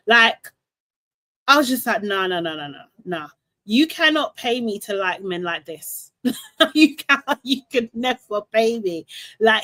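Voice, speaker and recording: A woman's voice: medium pitch, no room sound. Exasperated woman, dry sound. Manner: animated, exasperated, laughs often. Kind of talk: casual recap chat.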